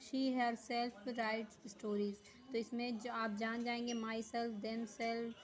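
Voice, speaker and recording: A woman teacher giving a grammar lesson, reading definitions slowly word by word, then explaining them quickly. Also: fairly high pitch, little pitch movement, rough recording. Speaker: school teacher.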